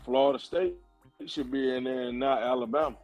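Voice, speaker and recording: A man's voice: mid-range voice, brisk, darkish tone, soft background music. A man joining a casual podcast chat as a guest, easygoing and friendly.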